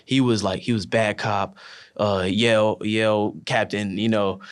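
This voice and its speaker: A young man with a somewhat low voice talks casually about his team. His speech is loose and full of fillers. It brightens and livens up when he retells funny moments. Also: slow pace, clear, resonant tone. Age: young adult. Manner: relaxed, many fillers like "you know", animated when telling stories. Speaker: college wrestler, team captain. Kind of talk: casual interview chat.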